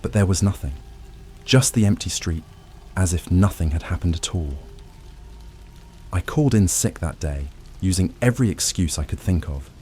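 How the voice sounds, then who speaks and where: A man narrating a first-person horror story in a scripted, tense storytelling manner with dramatic pauses. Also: deep voice, dark tone, slight background noise.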